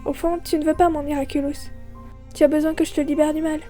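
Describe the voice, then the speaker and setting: Woman doing a high, mellow young heroine, gentle and firm, fan audio drama. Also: level tone, quick pace, soft background music, close to an everyday voice. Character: caring, steady young superheroine.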